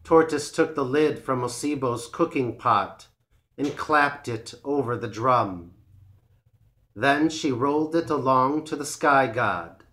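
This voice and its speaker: A man reads a folktale aloud to English learners, spacing every phrase out very slowly. His voice sits in a middle pitch and stays clear and measured throughout. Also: sharp tone. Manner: slow, clear and measured reading. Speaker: English teacher.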